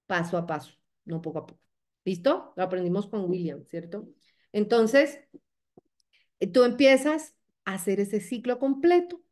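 A woman's voice: medium pitch, moderate pace, a little mellow. A woman giving a motivational training talk to her sales team, coaching them and checking in often with short questions.

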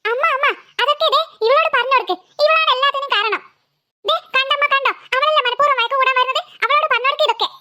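A woman's voice: very high voice, fast, bright, forceful tone, exaggerated voice. A woman voicing two little cartoon sisters who bicker and tattle. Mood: whining. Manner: whiny, quarrelsome bickering.

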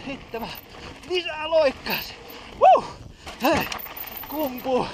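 A mountain biker with a very high, expressive voice narrates his own trail ride at a bike park, breathlessly exclaiming, cursing and making fun of himself. Outdoor wind noise comes through on his camera mic.

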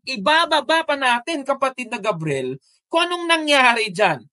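Bright, dry-voiced woman hosting commentary. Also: sits high, moderate pace, no room sound. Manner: animated, exclaims and asks rhetorical questions. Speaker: host of a religious apologetics stream. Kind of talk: casual live commentary on a video. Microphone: video call.

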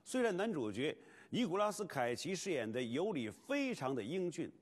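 Animated male TV storyteller, lively pitch swings. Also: moderate pace. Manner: emphatic, theatrical delivery. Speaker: TV documentary presenter. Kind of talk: dramatic storytelling to camera, scripted. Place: TV studio. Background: background music.

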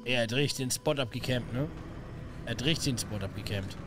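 A young man commentating a horror game live, excitable and slangy, greeting viewers. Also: mid-range voice, a little fast, noisy background. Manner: excitable, slangy, yelps at scares. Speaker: gaming streamer. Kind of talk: let's play commentary.

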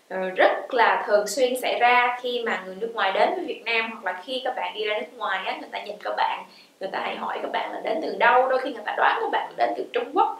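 A woman teaching an English grammar lesson in a lively way, asking the class questions and answering them herself, and reading her English examples out slowly and clearly. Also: on the high side. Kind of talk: explaining grammar in a video lesson. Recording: very echoey room, voice from a distance.

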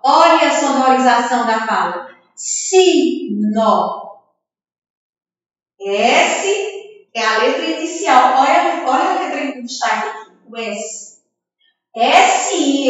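A Brazilian schoolteacher, a woman with a fairly high voice, stretches out each word and claps through its syllables in a slow sing-song lesson for small children. She stands well back from the mic, and her voice rings around a bare, reverberant room. The recording has a dull, lo-fi edge. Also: fairly bright tone. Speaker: first-grade teacher. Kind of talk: remote reading lesson for young children. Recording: echoey room, far from the mic, dull lo-fi sound.

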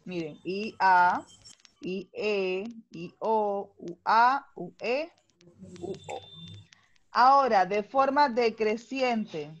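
A woman's voice: mid-range voice, extremely slow, lo-fi sound. A woman teacher with a Peruvian Spanish accent, explaining a grammar lesson patiently in an online class and checking understanding with frequent tag questions.

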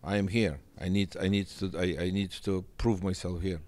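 On an indoor studio set with a sofa, a boxing manager whose first language is Russian speaks into a handheld mic in a deep, steady, slightly mellow voice at a moderate pace. Earnest and emphatic, he repeats phrases.

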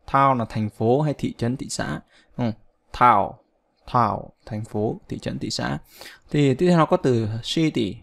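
A man teaching an English lesson, repeating each word slowly for pronunciation drill and often checking in with his students. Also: medium pitch. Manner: keeps checking with "right?" and filler "uh". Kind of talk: language lesson explanation.

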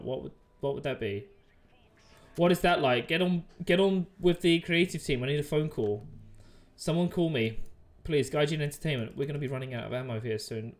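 Man, streamer, live gameplay commentary, excitable, swears, a bit high-pitched. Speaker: game streamer.

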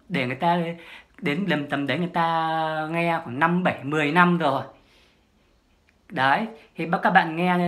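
A woman talks quickly through a solo advice vlog on language learning. She lectures emphatically, hammering her points home by repeating whole phrases, and her voice sits fairly low. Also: a bit bright. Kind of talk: solo advice monologue to camera.

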